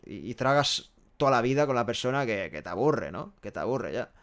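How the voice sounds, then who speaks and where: A man's voice: mid-range voice, sing-song, brisk, noisy background. A young man from Barcelona, live-streaming from a small room with a headset mic, reading chat messages aloud and answering them frankly. He speaks casually and keeps tagging his sentences with little questions. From Barcelona, Spain. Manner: chatty, frank, tags sentences with "¿eh?" and "¿no?". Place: small room with a pale green wall, indoors. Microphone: headset microphone.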